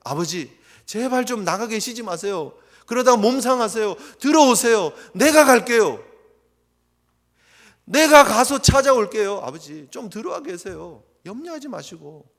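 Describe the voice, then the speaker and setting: A man's voice: sits high, expressive, moderate pace. A man voicing a dutiful elder son who pleads earnestly with his father, in a reverberant church. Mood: pleading.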